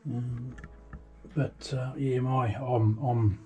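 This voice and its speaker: An older man with an Australian accent walks through a boat's engine room on his vlog, talking in a halting, rambling way full of ums and restarts, tired and frustrated. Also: medium pitch, level tone, warm tone, faint music behind, low-quality recording. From Tasmania, Australia. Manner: weary and frustrated. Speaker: boat repair vlogger. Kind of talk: casual walkthrough vlog. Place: boat engine room, indoors.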